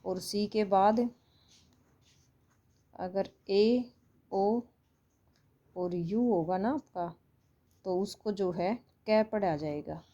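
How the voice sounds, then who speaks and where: Slow, mellow-voiced Indian woman teacher. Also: mid-range voice, dull audio. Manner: slow, patient explaining, repeating sounds. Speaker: English phonics teacher. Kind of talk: online phonics lesson.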